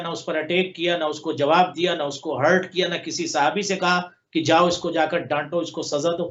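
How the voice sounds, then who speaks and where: A male religious scholar on a live program, slowly reciting Arabic lines and then explaining them in long rhetorical lists of parallel phrases. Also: sits high, fairly bright tone, lo-fi sound. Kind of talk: sermon commentary on a live TV program.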